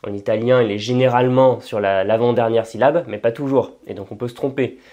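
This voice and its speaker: A man's voice: mid-range voice, fairly even intonation, a little fast, warm tone. A man hosting a language-learning channel, explaining casually and thinking aloud with many hesitations and restarts. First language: French. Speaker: language-learning video host. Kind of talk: informal explanatory talk.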